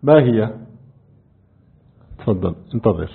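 A man leads a classroom lesson on creed with a husky, breathy voice that swings animatedly in pitch. He keeps firing questions at his students and repeats key points. The sound is thin and phone-like. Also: lively intonation, a little slow. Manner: quizzes students often, calls them by name. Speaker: religious teacher.

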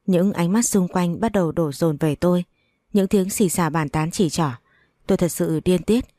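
A woman reading a first-person story aloud in an even, unhurried narrating manner. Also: on the low side, no room sound, studio quality. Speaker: audiobook narrator.

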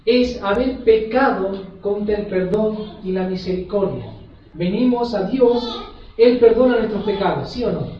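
A hoarse male preacher giving an emphatic sermon, often putting questions to the congregation. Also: sits high, a little slow, a little hiss or hum. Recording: echoey hall from far off, dull and lo-fi.

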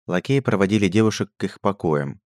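A man reading a story aloud in calm, measured scripted narration. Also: low voice, dry recording, clean studio sound. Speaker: audiobook narrator.

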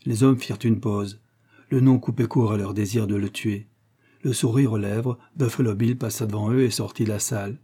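Audiobook narrator, man, mellow and breathy, measured storytelling. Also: on the low side, steady tone. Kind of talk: scripted narration of an adventure novel.

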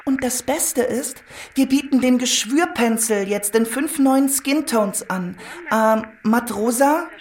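A woman's voice: a little high, takes it slowly, darkish tone. An actress playing a chirpy woman selling skin creams over the phone in a radio drama. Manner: chirpy salesy, then scolding.

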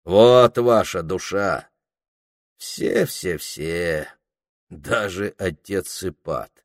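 A man's voice: low-pitched, sing-song, slow, gravelly, no room sound, studio quality, heavily acted. A man reading aloud, voicing a worldly woman who speaks in a chesty, mournful, mocking tone. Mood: bitter.

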